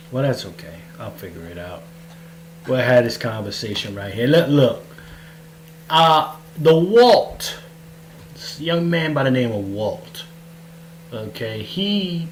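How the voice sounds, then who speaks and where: A man hosting a casual livestream, hyped and calling out to his audience, his voice carrying a heavy echo like in a cave. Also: medium pitch. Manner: hyped, repeats phrases, calls to the audience. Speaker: livestream show host. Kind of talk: casual livestream talk with shout-outs. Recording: echoey livestream audio with faint hum.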